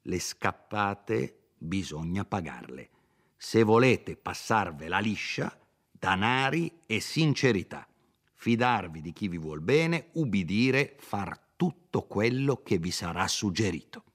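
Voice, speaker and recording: A pompous, scheming old country lawyer, as a man reads him aloud speaks in a smooth, condescending, knowing tone. The voice sits a little low. It belongs to a storybook reading of a classic novel. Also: sing-song, slow, heavily acted. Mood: slyly advising.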